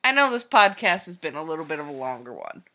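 A woman's voice: low voice, big pitch swings, quick pace, sharp tone. A woman co-hosting a podcast, chatting casually, laughing often. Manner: chatty, laughs often, tired and sighing at times. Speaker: podcast co-host. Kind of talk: casual chat.

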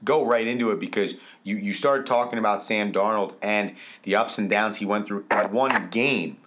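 A man with a fairly low voice co-hosts a football podcast, chatting casually. He talks with emphatic energy and often repeats words to drive a point home. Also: moderate pace, a bit bright, a little hiss or hum. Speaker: podcast co-host. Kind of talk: casual sports talk.

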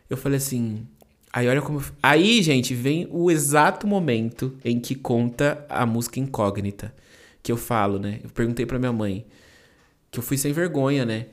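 A young Brazilian man recounts a personal faith story on his podcast. He talks in a casual, slangy way and acts out the lines of the people in his story. His voice sits at an ordinary middle pitch for a man. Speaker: podcast host sharing testimony.

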